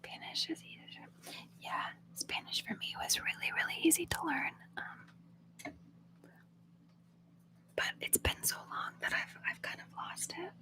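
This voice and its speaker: A young ASMR streamer from Oklahoma whispers gently with her audience, responding to their questions and often laughing. She talks a bit slowly, leaving long pauses, and the sound comes through a phone.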